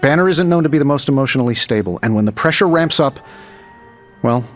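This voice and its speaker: A man's voice: medium pitch, animated, quick pace, phone-quality sound, soft background music, natural voice. A man playing a cocky, wisecracking genius inventor superhero in a video game, with a glib, sarcastic delivery. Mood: concerned, wry. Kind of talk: video game dialogue, quippy banter.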